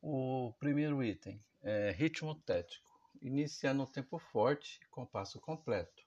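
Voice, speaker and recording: A man's voice: mid-range voice, expressive, unhurried, a little mellow, dull audio. A man teaching a music theory lesson, explaining patiently and often checking that his listeners follow.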